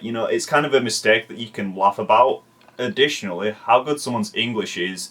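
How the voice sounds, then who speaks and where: A man's voice: lowish voice, a bit bright. A man talking through a commentary video in a chatty way, swearing casually and often saying "like". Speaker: video essay host.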